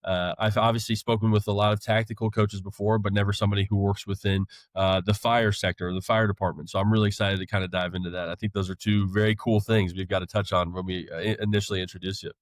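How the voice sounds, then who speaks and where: A man's voice: on the low side, flat delivery, quick pace, hardly any pauses, no echo. Chatty american guy hosting a podcast, southern-northern mix accent, dry close mic, pretty stoked. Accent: American, mixed Southern and Northern. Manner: upbeat, enthusiastic. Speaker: podcast host. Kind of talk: podcast interview.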